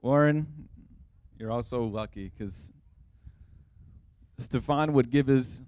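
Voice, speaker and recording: A young man with a mid-range voice gives a sincere wedding toast for his younger brother. He speaks earnestly and warmly to the couple. The sound is dry and close. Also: medium pitch, slow pace, no room sound. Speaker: older brother of the groom giving a toast.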